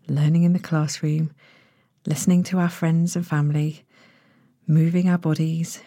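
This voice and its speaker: A woman narrating a sleep story as a guided relaxation, in a gentle, hushed and breathy manner with long pauses. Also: sits low, no echo, studio quality. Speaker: podcast host, sleep meditation narrator.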